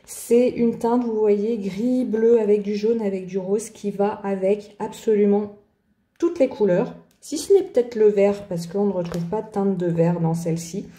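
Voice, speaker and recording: A woman's voice: medium pitch, fairly even intonation, measured pace, dark tone. A woman chatting casually through an art journal tutorial, hesitant, with many fillers. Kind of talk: casual craft tutorial chat. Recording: echoey room.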